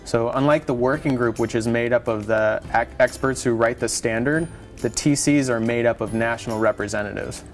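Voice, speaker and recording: Casting: male expert presenter, average pitch, patiently walking a listener through a process conversationally, soft music underneath. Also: normal speed. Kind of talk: semi-scripted explanatory dialogue.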